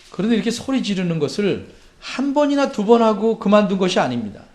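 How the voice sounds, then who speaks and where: A male pastor delivers a sermon in a high, strikingly animated voice. He reads scripture aloud and acts out its cries, then drops to quiet asides. His pitch leaps widely from phrase to phrase. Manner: dramatic preaching, swings from loud cries to hushed asides.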